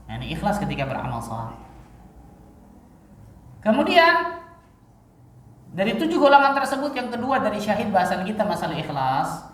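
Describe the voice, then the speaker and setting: A man's voice: high-pitched, normal speed, pauses often. Preacher man in an echoey mosque hall. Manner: lively teaching, rhetorical questions, casual asides. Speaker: Islamic preacher. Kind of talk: sermon. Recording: echoey hall, mic far off.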